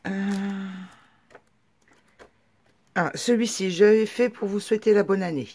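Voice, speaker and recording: A woman with a warm, mellow voice hosts a casual show-and-tell video. She talks in a chatty, halting way, often pausing on fillers and restarting her sentences. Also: medium pitch, breathy edge. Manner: chatty, hesitant with many fillers. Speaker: craft vlogger.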